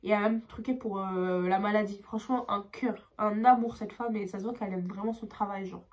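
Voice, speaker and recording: A young woman telling a storytime vlog, tired, expressive and swearing as she acts out her dialogue. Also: medium pitch, a little fast. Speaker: vlogger.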